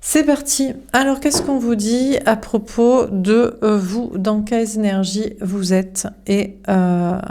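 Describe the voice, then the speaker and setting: A woman's voice: medium pitch, steady tone, takes it slowly, few pauses, warm tone, a little hiss or hum. A young woman giving a casual tarot reading, frank and chatty, with many fillers. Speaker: tarot card reader.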